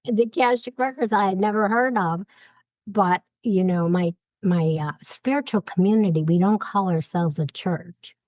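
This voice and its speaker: A woman's voice: medium pitch, moderate pace, dry recording, rough recording. A woman guest telling her recovery story openly and acting out the dialogue she quotes. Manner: lively, acts out quoted dialogue. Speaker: podcast guest. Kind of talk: candid personal storytelling.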